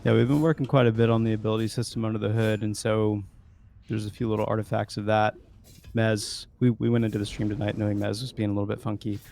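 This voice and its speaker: A man's voice: fairly low pitch, gravelly, a little hiss or hum. A man chatting casually as a game developer on a stream, explaining features over a headset. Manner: explains features quickly in a flat tone. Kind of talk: casual gameplay chat.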